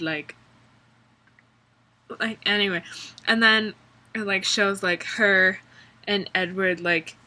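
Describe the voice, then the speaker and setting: Low-keyed slow-talking young woman. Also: bright, forceful tone. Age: young adult. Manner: rambling, sarcastic, lots of um and like. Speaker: vlogger. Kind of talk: casual vlog chat. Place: college dorm room.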